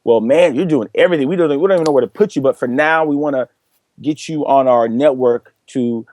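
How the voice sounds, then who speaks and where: A man's voice: mid-range voice, brisk, dry recording. A young man, a guest in an interview, telling his story earnestly and acting out what people said to him. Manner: earnest, animated storytelling with acted-out quotes. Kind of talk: interview conversation.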